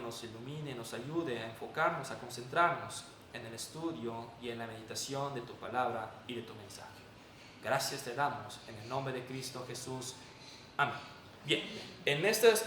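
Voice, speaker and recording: This preacher has a mid-range, slightly bright voice and a Mexican accent, driving his points home in an emphatic, didactic style. He reads from the Bible and prays during the sermon, recorded from afar in an echoey space with a little noise.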